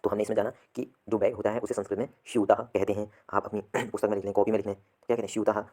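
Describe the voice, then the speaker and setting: A man's voice: lowish voice, flat delivery, racing, a little mellow. A man teaching a classroom lesson, repeating each word and asking and answering his own questions. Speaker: Sanskrit teacher. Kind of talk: classroom lesson explaining vocabulary.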